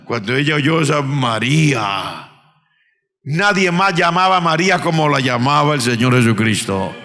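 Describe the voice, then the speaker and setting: A Colombian pastor preaching a sermon in a bright, ringing voice, his pitch sitting on the high side for a man. He drops to near-whispers to tell a story, then climbs to shouted, emphatic preaching. The church hall adds a long reverberant tail. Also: sing-song, moderate pace. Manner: swings between hushed storytelling and shouted preaching. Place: church sanctuary.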